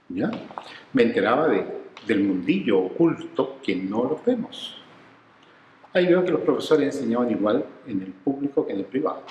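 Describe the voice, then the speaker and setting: Guy, lowish voice, tells stories animated, roomy echoey sound w long tail. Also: slight background noise. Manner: animated storyteller who acts out quoted voices. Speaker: interviewee, education researcher. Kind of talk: reflective storytelling interview.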